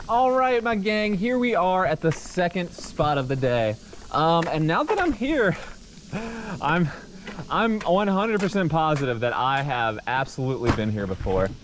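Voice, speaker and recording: A man vlogging from a bridge over a swamp on a head-mounted camera, chatting excitedly with viewers he calls y'all. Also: a little high, a little slow. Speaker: magnet fishing vlogger. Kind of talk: casual outdoor vlog commentary. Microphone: head-mounted action camera. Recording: faint outdoor noise.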